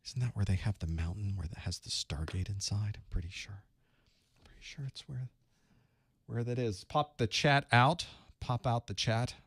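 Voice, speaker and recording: Chatty male stream host, casual, thinks out loud, dry close sound. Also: fairly low pitch, steady tone, moderate pace, slightly rough, no echo. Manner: chatty, greets viewers, thinks aloud while setting up. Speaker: instructor hosting a live study stream. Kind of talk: casual live-stream chat.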